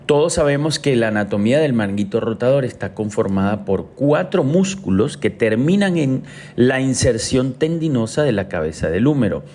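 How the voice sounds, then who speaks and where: A man's voice: mid-range voice, animated, normal speed, warm tone. A man from Venezuela, an orthopedic doctor, giving an explanatory medical talk with frequent hesitation fillers.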